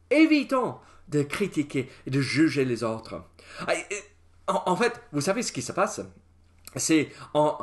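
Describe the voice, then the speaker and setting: Animated man with an American accent. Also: fairly high pitch. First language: English. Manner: animated, acts out critics' voices, many fillers. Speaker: pastor. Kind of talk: Bible study teaching. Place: church.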